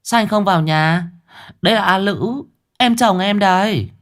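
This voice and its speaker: A man's voice: high voice, moderate pace, a bit bright, pitched above the performer's own voice. A man voicing a young woman who urges someone to come inside. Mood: urging. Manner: urging. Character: young woman, hurried and insistent.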